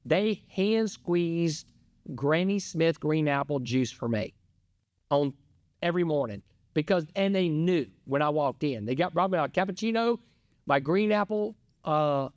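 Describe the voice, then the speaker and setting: A middle-aged man co-hosts a podcast in loose, casual chat. He rambles through his story with excitable energy, in a somewhat high voice recorded close and dry. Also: no room sound. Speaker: podcast co-host.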